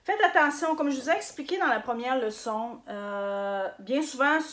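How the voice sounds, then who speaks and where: A woman giving a casual spoken lesson, hesitant with many fillers and repeating words slowly for her viewers. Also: high voice, a bit bright. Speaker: language teacher on her own channel.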